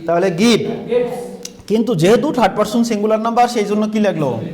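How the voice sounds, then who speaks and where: A man's voice: high-pitched, fairly quick, a crowd in the background. A man with a Bangladeshi Bengali accent teaching a grammar lesson in a school classroom, asking the class questions and repeating their answers. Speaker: English teacher.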